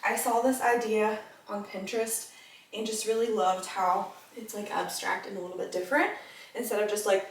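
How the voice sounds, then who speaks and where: Brief: young woman, chatty home vlogger, gushing, mid-pitched voice, echoey room on camera mic. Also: steady tone, moderate pace. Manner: bubbly, gushing, lots of "like" fillers. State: out of breath at times. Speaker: lifestyle vlogger. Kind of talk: casual vlog chat. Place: home, indoors.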